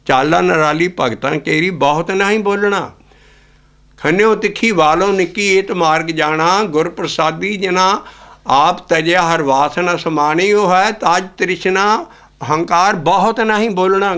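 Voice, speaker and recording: A man's voice: a little high, fairly bright tone. A man preaching a Sikh sermon, explaining scripture lines and then singing them. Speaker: kirtan singer and preacher.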